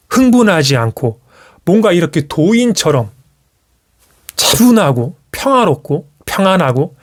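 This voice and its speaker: A man streaming live, telling a personal story to his viewers in casual speech with frequent restarts, acting out what others said. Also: fairly high pitch. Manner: animated storytelling, acts out quoted parents. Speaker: YouTuber.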